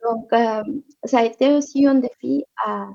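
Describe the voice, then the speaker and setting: Her voice sits on the high side, mellow with vocal fry, and her intonation stays fairly level at a moderate pace. She's an economic development representative being interviewed about women in business, and she stumbles through answers with lots of fillers and restarts. Audio is muffled, lo-fi.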